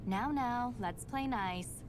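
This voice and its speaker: A woman's voice: on the high side, slow, background noise. An actress playing a perky, teasing young rebel woman in a video game dub. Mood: cheerful, teasing. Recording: game music over the voice.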